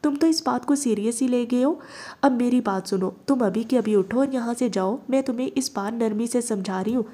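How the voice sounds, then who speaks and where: A woman reading the part of a proud, sharp-tongued young woman, speaking indignantly. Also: fairly high pitch, brisk, lightly acted. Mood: cold scolding. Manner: indignant, scolding.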